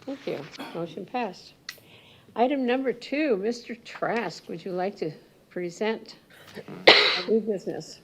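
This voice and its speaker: Mellow-voiced American woman chairing a formal meeting. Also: medium pitch, slow, slight background noise. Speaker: board chair running a hearing. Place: public hearing room.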